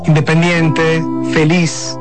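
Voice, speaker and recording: A father speaks in a heartfelt, slightly hesitant way. His voice sits a little high and stays flat. Loud music plays under him. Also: takes it slowly. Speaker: father in testimonial ad. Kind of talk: personal testimonial.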